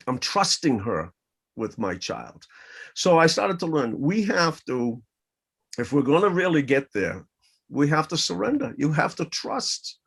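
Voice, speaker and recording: A man speaking as a guest over a video call, telling stories in an earnest, animated way. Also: a little high, measured pace, vocal fry, breathy edge, low-quality recording. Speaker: interview guest. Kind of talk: casual interview.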